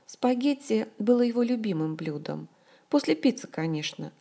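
Woman reading an audiobook, calm steady storytelling, warm mellow voice. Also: a little high, moderate pace, vocal fry. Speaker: audiobook narrator. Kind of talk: scripted audiobook narration.

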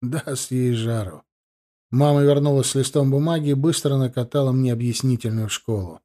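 A man with a mellow, warm voice reads a novel aloud in a steady, measured way. His delivery is even-handed scripted audiobook narration. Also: mid-range voice. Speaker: audiobook reader.

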